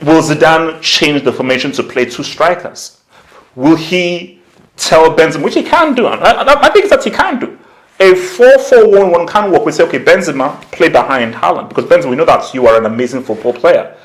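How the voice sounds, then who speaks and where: A man who runs a football YouTube channel talks through opinionated commentary casually and with slang, repeating points for emphasis and performing imagined quotes. His voice is a little high, expressive and slightly fast.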